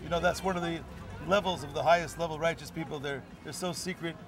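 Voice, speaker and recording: A man's voice: on the high side, fairly even intonation, fast, over music. A man, a rabbi, giving a holiday video message outdoors in a city, teaching through stories and Hebrew quotations.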